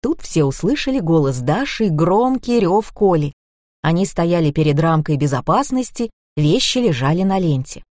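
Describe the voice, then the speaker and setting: A woman narrating an audiobook in a lively, expressive reading. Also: lowish voice, moderate pace, dry recording, clean studio sound.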